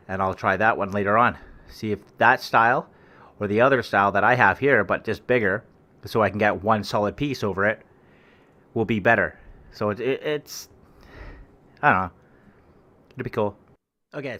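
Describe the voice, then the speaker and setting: Speaking with a fairly low pitch and a bright, forceful tone, a man shows off his homemade foam microphone cover at home. The vlogger rambles crudely and offhand in his living room, talking into the close desk mic it covers.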